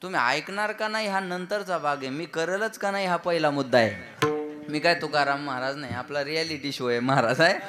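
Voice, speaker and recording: A man preaching a devotional kirtan sermon. He keeps asking the audience to answer him back and slows down to chant verses. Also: on the high side, music in the background.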